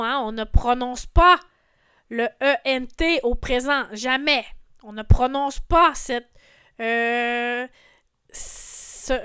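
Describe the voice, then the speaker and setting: A woman in her forties teaches in a slow, deliberate lesson voice, patient and didactic. Her tone sits fairly high and comes across smooth and resonant. The recording is dry and close, with no room sound. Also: a bit bright, no echo. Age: 40s. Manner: patient, didactic, frequent "hein" fillers. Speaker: French teacher. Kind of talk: language lesson explaining song lyrics.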